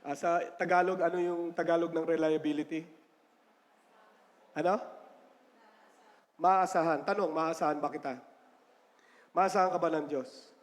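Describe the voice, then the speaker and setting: A man's voice: fairly high pitch, fairly even intonation, unhurried, long pauses. A male pastor preaching a sermon in a chatty, joking way, often asking the congregation for an "amen" and mixing in English definitions. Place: church sanctuary. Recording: long church-hall reverb.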